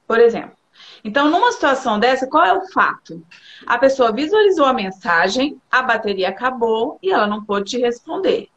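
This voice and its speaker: A woman's voice: high-pitched, fairly bright tone, highs cut off. A woman co-hosting a casual teaching talk, laying out her points step by step with everyday examples. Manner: lays out points in orderly steps with everyday examples. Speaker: co-host explaining nonviolent communication.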